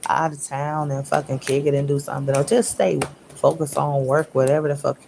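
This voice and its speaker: Blunt, profane woman tarot reader, casual and animated, slightly low voice, faint noise. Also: a little fast, vocal fry. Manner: profane, blunt, animated slang-heavy talk; mimics listeners in raised voice.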